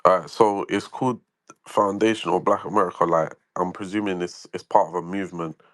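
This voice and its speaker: Male caller, low-voiced, hesitant and curious. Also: fairly even intonation, a little fast, no room sound. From London, England. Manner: hesitant, curious, many fillers. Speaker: caller in an audio chat room. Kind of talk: casual chat.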